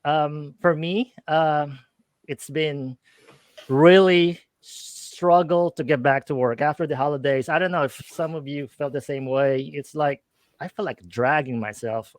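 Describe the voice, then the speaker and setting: A medium-pitched male voice comes through with no room sound. The speaker, a middle-aged Filipino-accented man, co-hosts a streamed talk show in a casual, upbeat chat, hesitating often with fillers.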